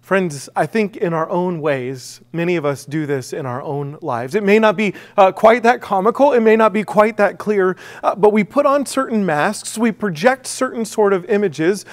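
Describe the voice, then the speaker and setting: A man's voice: high-pitched, expressive, moderate pace, few pauses. A middle-aged man with an American Midwest accent, a pastor giving a sermon in a conversational way, full of fillers and restarts.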